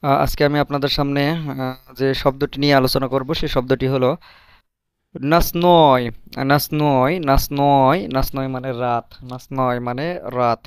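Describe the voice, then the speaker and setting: A young man from Bangladesh, teaching a language lesson, repeating each word slowly with many hesitations. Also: medium pitch, monotone, clean tone, no echo, studio quality. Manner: slow, repetitive drilling of words with many hesitations.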